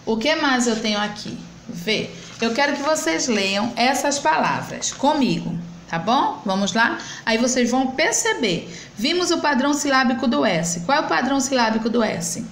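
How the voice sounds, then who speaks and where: A woman teaching children to read, drawing out syllables slowly and coaxing them along. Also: high voice, expressive, fairly bright tone. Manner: slow, drawn-out syllables, coaxing and encouraging. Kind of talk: reading-and-writing lesson for children. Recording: echoey room with faint background noise.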